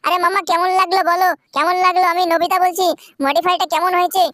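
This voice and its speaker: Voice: extremely high pitch, level tone, quick pace, sharp tone. A performer voicing the whiny boy Nobita, insistent about being heard, in a game video.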